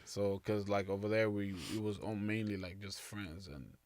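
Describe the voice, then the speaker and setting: Low-voiced, easygoing man in his late twenties. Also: fairly even intonation, darkish tone, no echo. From Somalia. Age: late 20s. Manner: easygoing, halting, laughs often. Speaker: guest DJ. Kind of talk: casual interview.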